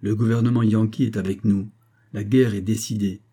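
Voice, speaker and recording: A domineering, exalted billionaire father from an audiobook, put on by a male reader. His voice is low, dark and husky. He presses each point hard and rises into emphatic reproach. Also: little pitch movement, normal speed. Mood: boastful. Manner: forceful, reproachful, rising to emphatic outbursts. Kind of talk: audiobook character reading.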